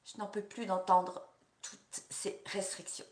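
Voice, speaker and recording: A woman practitioner leading a guided EFT tapping session, repeating slow affirmations and coaching listeners between phrases. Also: medium pitch, little pitch movement, reverberant.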